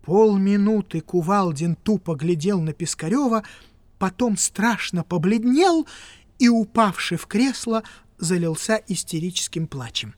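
A woman narrating a story in a measured audiobook reading. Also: medium pitch, darkish tone, no room sound.

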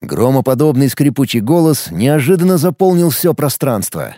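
A man narrating a fantasy novel as an audiobook, reading in a lively way with acted dialogue. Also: medium pitch, normal speed, dry recording, clean studio sound.

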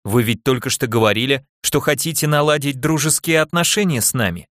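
A man voicing an indignant, quick-tempered young woman officer in an audiobook, speaking in a raised voice and exclaiming often. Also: mid-range voice, fairly bright tone, no room sound, studio quality, natural voice.

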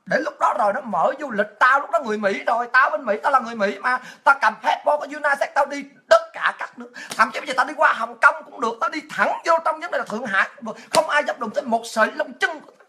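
Loud, mocking woman. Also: high-pitched, quick pace. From Vietnam. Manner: shouting, mocking, with crude insults and laughs. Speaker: political commentator. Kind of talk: ranting livestream monologue.

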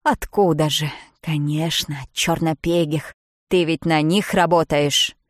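A woman voicing an elderly grandmother who shrieks accusations in shrill, loud outbursts. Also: fairly even intonation, measured pace, no room sound, clean studio sound. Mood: shrieking furious.

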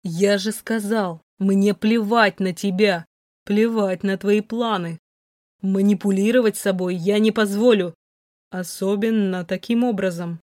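A woman voicing a cold, contemptuous wealthy young man who drawls slowly and mockingly, recorded dry. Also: medium pitch, steady tone, a little mellow, dry recording, close to an everyday voice. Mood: coldly dismissive. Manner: slow, mocking, icy drawl.

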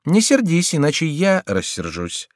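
A man's voice: a little high, huge pitch swings, a little slow, no echo, studio quality, voice pushed up. A man voicing a sardonic male court jester who teases and scolds a king in an audiobook. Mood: mocking.

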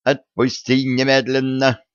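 A man voicing a fiery young village widow and healer who scolds in a high, shrill voice. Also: completely flat delivery, measured pace, clear, resonant tone, no echo, dull audio, lightly acted. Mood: furious.

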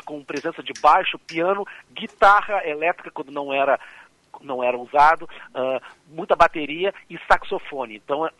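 A man co-hosting a radio music show, speaking with a Brazilian Portuguese accent, slightly hoarse and rambling with many fillers. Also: a little high, bright, forceful tone, no room sound, rough recording. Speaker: radio co-host. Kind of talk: casual radio music talk.

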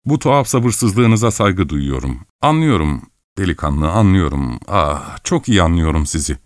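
A man's voice: low voice, sing-song, a little slow, dry recording, clean studio sound. A man doing a flustered jealous husband. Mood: placating. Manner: pleading, apologetic and flustered. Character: fussy middle-aged jealous husband in fur coat.

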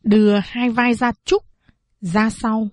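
A woman narrating a novel aloud in a measured storytelling manner. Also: a little high, little pitch movement, a little mellow, no echo. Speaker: audiobook narrator. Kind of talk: scripted narration.

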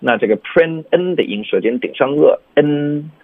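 A man teaching English pronunciation on a radio show, stretching words out slowly to demonstrate sounds. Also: fairly high pitch, animated, slightly rough, no echo. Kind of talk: radio lesson chat. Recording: tinny phone-like radio sound.

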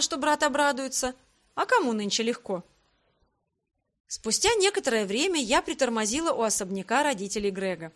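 Woman narrator, first-person audiobook, animated, fairly high voice.

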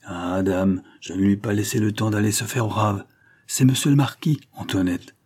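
A man's voice: on the low side, normal speed, a little mellow, slightly rough. A man voicing an eager, devoted male servant in his forties, talking in effusive exclamations.

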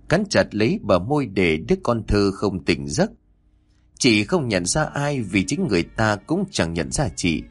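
A man narrating a horror story in a dramatic, expressive scripted reading. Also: fairly low pitch.

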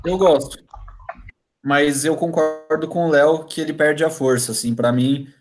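A man's voice: on the high side, steady tone, moderate pace, over music. A Brazilian man speaking in an easygoing way as a panelist in a casual roundtable chat. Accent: Brazilian Portuguese.

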